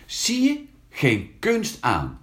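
Man doing a cocky older brother kid, jeering, voice jumps up high, storybook reading. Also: sing-song, unhurried, darkish tone. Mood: boastful. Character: boastful teasing older brother boy. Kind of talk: reading a children's story aloud.

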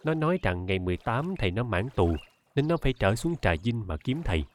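A man reading a novel aloud as an audiobook narrator, in a steady, measured way. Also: on the low side. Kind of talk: scripted narration.

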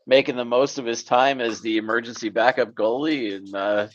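A man co-hosting a casual sports podcast, halting and hesitant, cursing casually. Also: mid-range voice, steady tone, lo-fi sound. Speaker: podcast co-host.

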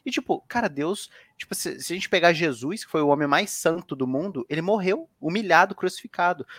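A man's voice: a little high, fairly bright tone, no room sound, clean studio sound. A man hosting a casual podcast, telling a story with lots of slang and swearing. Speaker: podcast host.

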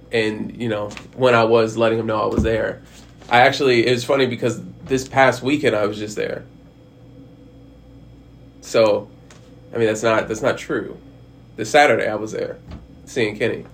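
A man's voice: medium pitch, a little hiss or hum. Frank, rambling man giving advice. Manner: rambling, frank, with many restarts and mild swearing. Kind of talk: casual advice monologue.

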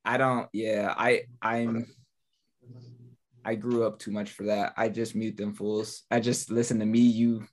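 A man's voice: lowish voice, flat delivery, unhurried. Laid-back slangy man, casual podcast chat. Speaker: podcast co-host.

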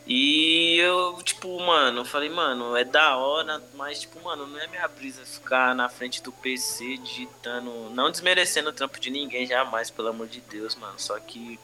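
Male podcast guest, São Paulo Brazilian Portuguese accent, very bright forceful voice, slangy casual storyteller, music underneath. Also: medium pitch, normal speed, few pauses. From Brazil, urban periphery. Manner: heavy street slang, frequent conversational tags. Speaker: comedian interview guest.

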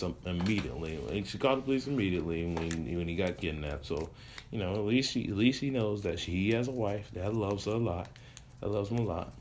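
Rambling, chuckling man with a low voice. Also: slight background noise. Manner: rambling, many restarts and fillers, chuckling. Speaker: podcast host telling stories. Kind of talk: casual storytelling monologue.

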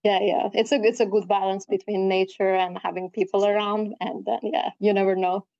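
Mellow-voiced woman hosting a podcast. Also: mid-range voice, flat delivery, a little fast, creaky, no echo. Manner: hesitant, with frequent restarts. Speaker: podcast host. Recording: dull, dry remote call audio.

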